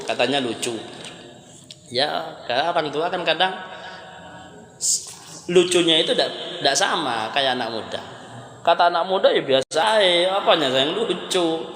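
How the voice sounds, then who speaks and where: A man's voice: medium pitch, moderate pace, long pauses, sharp tone. A male preacher, giving a chatty, story-filled Ramadan sermon on Quran commentary with Arabic verses mixed in. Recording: echoey hall reverb.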